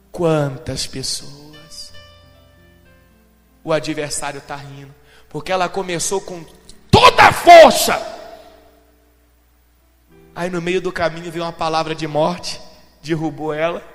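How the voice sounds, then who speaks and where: A man preaching a sermon as pastor, dramatic, moving between shouted lines and low, intense speech. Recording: long hall reverb with faint music.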